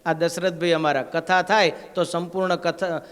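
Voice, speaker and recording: A man's voice: on the high side, steady tone, moderate pace, a bit bright, clean tone. A man giving a temple sermon as a swami, telling stories in a conversational way and asking the crowd questions. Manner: conversational storytelling, asks the crowd "હા?". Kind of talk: devotional sermon. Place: temple gathering. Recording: long hall reverb.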